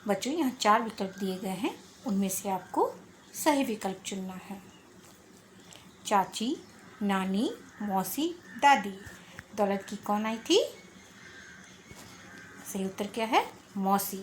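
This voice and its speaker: A woman teacher slowly and patiently explaining Hindi exercises to children, repeating each question and answer. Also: mid-range voice, expressive, slight background noise. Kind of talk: classroom-style lesson explaining Hindi exercises.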